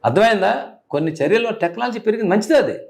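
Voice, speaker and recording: A middle-aged man, a police officer, talking earnestly in an interview and rising high in pitch when he stresses a point. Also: animated, rapid-fire, vocal fry. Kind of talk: casual interview talk.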